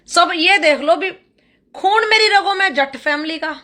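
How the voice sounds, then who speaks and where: Woman going off in a vlog rant, high bright voice, super defiant. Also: normal speed. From Haryana, India. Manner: fiery, defiant, emphatic. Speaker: social media creator. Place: Canada.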